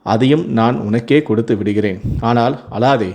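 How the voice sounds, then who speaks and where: A man's voice: medium pitch, normal speed, darkish tone, close to an everyday voice. A man reading as a childlike, innocent young man. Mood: coaxing. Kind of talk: storybook reading.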